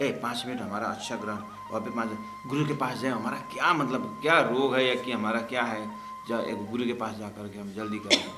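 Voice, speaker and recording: Guy doing a frantic husband begging for a fix, rushed, echoey room, music under it. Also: medium pitch, lightly acted. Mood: pleading, hurried. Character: hurried quarrelsome husband pleading.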